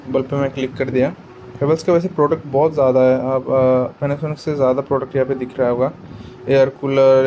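A man runs through a casual how-to product demo, chatty and explanatory, often calling his viewers "guys." His medium-pitched voice has a dark tone. The recording is muffled with a little hiss or hum.

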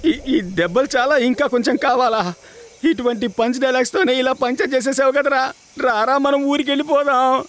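An actor playing an injured, exasperated village friend who keeps scolding and complaining, in film dialogue. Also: male voice, very high voice, moderate pace, a bit bright, slight background noise.

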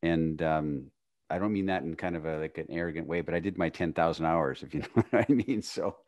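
A man in his fifties from northwestern Canada, a guest on a video-call podcast, telling his story in a relaxed way with frequent laughs and quiet, trailing phrases. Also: fairly quick. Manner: relaxed, laughs often, drifts into a quiet, low voice. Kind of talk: casual conversation. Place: home room, video call. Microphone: studio mic on a boom arm.

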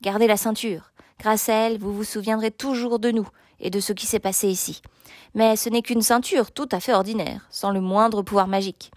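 A woman's voice: mid-range voice, fairly even intonation, normal speed, darkish tone, no echo, clean studio sound, close to an everyday voice. A woman voicing a huge male knight in a storybook reading, taunting and sneering. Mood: kindly. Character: huge mocking male knight, later a kindly lord.

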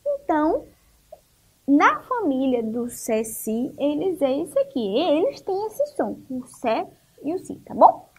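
A Brazilian woman teaching young children online, her voice pitched high and swinging up and down. She takes her time, stretches words out, asks little questions and answers them herself. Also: wildly swooping pitch, takes it slowly. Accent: Brazilian Portuguese. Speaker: primary school teacher.

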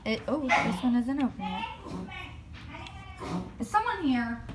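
Heavy background noise surrounds a young woman baking in her home kitchen as she narrates her vlog in a chatty, rambling, self-mocking way. Her voice is a little high and sing-song, delivered at a measured pace.

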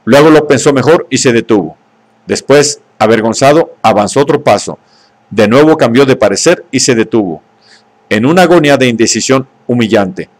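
A man narrating an audiobook in a steady, measured way. His voice sits at an ordinary middle pitch. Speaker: audiobook reader.

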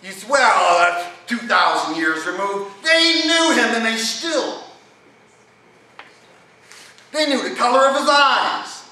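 A man's voice: very high-pitched, lively intonation, takes it slowly, pauses often, bright, forceful tone. A middle-aged man preaching a sermon in a folksy way, asking his congregation questions. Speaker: pastor. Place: church sanctuary. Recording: echoey church from a distance.

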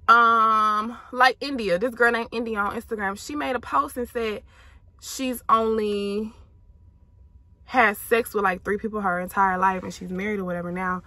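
A woman's voice: a little high, steady tone, measured pace, pauses often, pushed and bright, no echo. A young adult woman vlogger chatting casually from a car, blunt and emphatic, with slang and laughs. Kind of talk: casual chat. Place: inside a car.

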